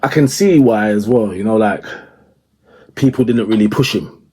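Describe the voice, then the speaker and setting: A man's voice: fairly low pitch, moderate pace, warm tone, a little hiss or hum. A man in casual podcast chat, talking emphatically and often checking that the listener follows.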